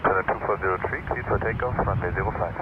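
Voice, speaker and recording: A male pilot reading back air traffic clearances over a cockpit headset radio, brisk, clipped and matter-of-fact. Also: low-pitched. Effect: pilot's cockpit headset radio transmission. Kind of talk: clipped aviation radio readbacks. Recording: muffled radio scanner feed with engine noise.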